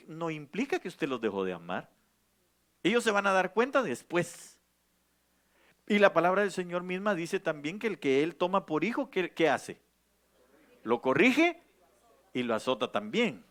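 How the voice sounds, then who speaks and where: Pastor, high voice, preaching in church, gets loud and emphatic. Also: male voice. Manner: asks the congregation questions. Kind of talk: sermon.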